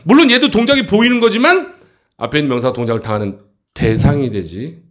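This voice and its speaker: A man teaching an English textbook passage to middle school students in a classroom, often checking in with quick questions. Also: on the high side, expressive.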